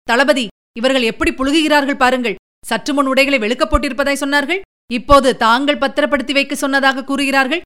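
A woman's voice: high voice, fairly even intonation, pushed and bright. A woman reading as a bold, brash young warrior. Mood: indignant. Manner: quick, indignant, demanding. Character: bold young male warrior envoy, sharp-tongued.

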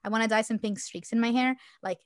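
A woman's voice: on the high side, fairly even intonation, fast, no room sound, clean studio sound. A woman co-hosting a podcast in casual chat, rambling and reflective with many fillers. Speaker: podcast co-host.

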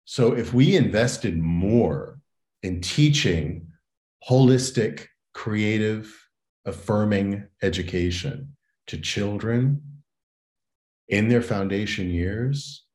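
Low-voiced male guest, an earnest educator, unhurried and reflective. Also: animated, a little mellow. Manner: earnest and reflective, often adds "right?". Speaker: educator and consultant, interview guest. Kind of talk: interview conversation.

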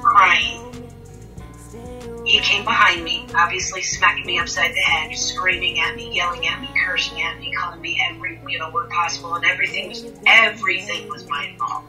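A woman guest recounting a personal story in conversation, halting and intense, often repeating words. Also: lowish voice, fairly even intonation, far from the mic, over music, low-quality recording.

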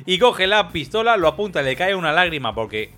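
A man's voice: high-pitched, brisk, faint music behind. Laughing man retelling a film. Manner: animated storyteller, laughs often, acts out lines. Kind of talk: casual podcast chat retelling a film.

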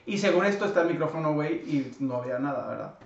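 A man's voice: a little high, animated, fast talker, creaky. A young man with a Mexican accent, arguing insistently in a casual podcast debate and tossing in fillers between phrases. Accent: Mexican Spanish. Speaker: podcast co-host. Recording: echoey room, distant mic, dull sound.

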